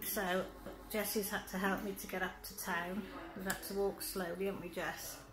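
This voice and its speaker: A woman's voice: mid-range voice, little pitch movement, moderate pace, roomy sound, music in the background. A middle-aged woman chatting casually to camera in a family vlog, tired out from a walk. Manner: chatty, chirpy, rises into a sing-song voice for the dogs. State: worn out from walking. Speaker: vlogger, mother. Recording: noisy background.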